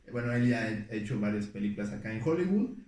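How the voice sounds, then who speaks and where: A man's voice: on the low side, expressive, fast, a little mellow. A man, a podcast guest, chatting casually and rambling with many fillers and restarts. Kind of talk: casual storytelling chat. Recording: echoey room, distant mic.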